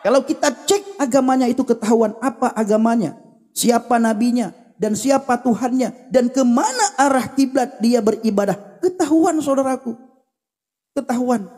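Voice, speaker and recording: A man with a very high voice preaches with fervor on a livestream. He drives his points home through repeated phrases and speaks straight to his listeners. His voice rings with a long, echoing reverb. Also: lively intonation, moderate pace, mellow. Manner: emphatic, repetitive preaching cadence addressing the audience directly. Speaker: evangelist livestream host.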